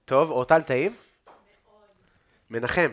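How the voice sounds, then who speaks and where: A man's voice: mid-range voice, a bit bright. A man hosting a podcast and cooking, telling anecdotes in a laid-back, slangy way. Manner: laid-back storytelling, slangy, acts out quoted speech. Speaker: podcast host and cook. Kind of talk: casual chat, telling anecdotes. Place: loft apartment, cooking and eating.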